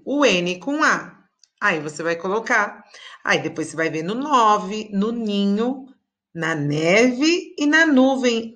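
A woman teaching small children in a recorded lesson, her voice bright and clear. She speaks slowly and patiently, in a sing-song tone, stretching out each syllable so the kids can repeat after her. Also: mid-range voice.

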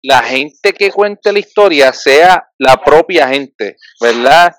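Passionate Puerto Rican podcast host. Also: male voice, on the high side, expressive, slow pace, fairly bright tone. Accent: Puerto Rican Spanish. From Puerto Rico. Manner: passionate, colloquial. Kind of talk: podcast conversation.

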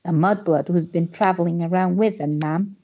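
A man's voice: high-pitched, moderate pace, a little mellow, muffled recording, pitched above the performer's own voice. A man voicing an eager, wheedling scruffy male thug.

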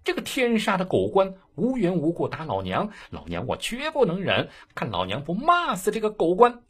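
Guy voicing a fierce loud shrew lady, yells curses, rough voice. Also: wildly swooping pitch, normal speed, full character voice. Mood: furious. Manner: furious cursing, shrill. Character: fierce loud-mouthed shrewish woman prisoner.

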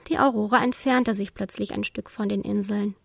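A woman narrating a children's storybook in a calm, expressive way. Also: mid-range voice, normal speed, creaky, no room sound, clean studio sound.

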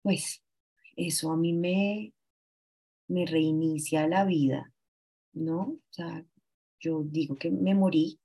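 A woman in her forties, a guest telling a painful personal story in an earnest, halting way, often restarting her sentences. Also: low-pitched, warm tone, husky. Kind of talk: emotional personal account.

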